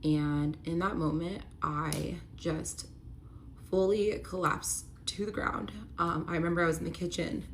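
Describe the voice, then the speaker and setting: A woman with a deep, low-set voice tells her own story in a candid vlog. She talks earnestly and emotionally, often saying "like." A faint hiss sits under her voice. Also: steady tone, measured pace. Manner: earnest, emotional, heavy use of "like". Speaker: vlogger telling a personal story.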